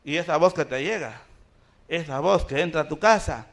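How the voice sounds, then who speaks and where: A man's voice: on the high side, normal speed, a bit bright. A man. He throws rhetorical questions at the congregation and stacks repeated phrases. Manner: preaching with rising intensity, rhetorical questions to the congregation. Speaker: pastor. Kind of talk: sermon. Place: church.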